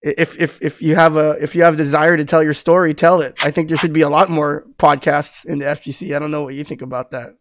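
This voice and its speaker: A middle-aged podcast host, born in the Philippines and raised in Southern California, conducts a casual interview over a video call, rambling with many restarts and fillers. His fairly high voice shows little pitch movement and runs at a quick pace with hardly any pauses. He uses headphones with a studio mic on his webcam.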